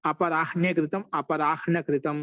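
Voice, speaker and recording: A man teaching a grammar lesson in an online class. His voice sits a little high. He says the example phrases slowly and repeats them, and the recording is close and dry with no room sound. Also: flat delivery, pushed and bright, dry recording, low-quality recording.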